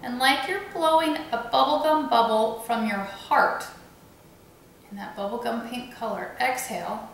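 Woman, meditation guide, slow soothing instructions, gravelly voice, very echoey room. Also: on the high side, a little hiss or hum. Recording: very echoey room, faint ambience.

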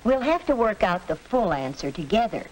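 A woman's voice: medium pitch, sing-song, moderate pace, darkish tone, close to an everyday voice. A woman playing an earnest, orderly middle-aged American mother in a 1940s educational film. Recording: noisy vintage film soundtrack.

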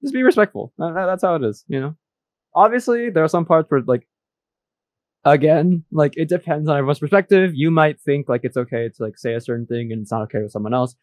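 A man's voice: on the high side, quick pace, darkish tone, no room sound. A young man co-hosting a casual podcast, teasing his co-host with mock rants and laughing often.

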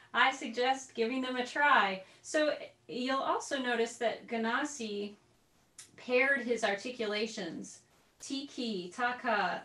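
A woman's voice: fairly high pitch, a bit bright, recorded from a distance. A woman teaching a group recorder lesson over a video call, explaining in a chatty way with little asides. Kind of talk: online group music lesson. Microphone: computer mic on a video call. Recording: roomy video-call audio from off-mic.

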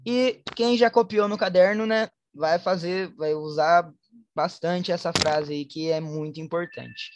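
A woman's voice: fairly low pitch, fairly even intonation, a little mellow, highs cut off, slight background noise. Brazilian woman teaching English online. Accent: Brazilian Portuguese. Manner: mixes Portuguese and slow English examples. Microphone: online class headset or computer mic.

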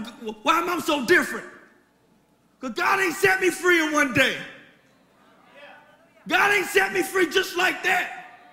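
A man giving an impassioned, shouted church testimony in a preaching cadence, recorded in a large church hall. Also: extremely high pitch, gravelly. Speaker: testimony speaker. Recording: echoey hall with crowd.

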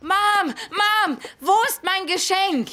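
A woman as Norman, a bright, cheeky boy. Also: very high voice, takes it slowly, exaggerated voice. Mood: excited. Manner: cheeky, eager. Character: cheeky, excitable, careless young boy. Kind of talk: German cartoon dubbing.

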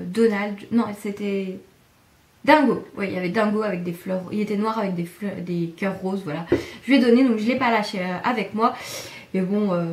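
Enthusiastic woman vlogger, chatty, lots of "euh", slightly high voice, echoey room. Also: far from the mic. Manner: enthusiastic, chatty, many fillers. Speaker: YouTuber showing a haul. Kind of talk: casual chat to camera.

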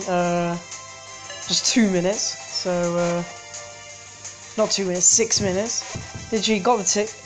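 A woman with a medium-pitched voice hosts a game channel from home, a street audible outside. Her casual commentary on the gameplay rambles, full of hesitations and self-corrections.

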